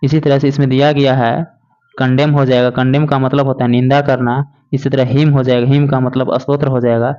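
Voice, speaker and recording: A man teaching a lesson, slowly and patiently spelling out words letter by letter. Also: medium pitch, level tone, warm tone. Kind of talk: classroom lesson explaining English words in Hindi. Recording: dull lo-fi recording.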